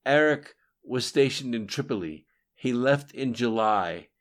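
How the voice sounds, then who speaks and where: A male ambassador under pressure who demands answers in clipped, urgent commands, as a narrator plays him. His voice is pushed a little above the narrator's low register. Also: expressive, measured pace, close to an everyday voice. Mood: urgent, insistent.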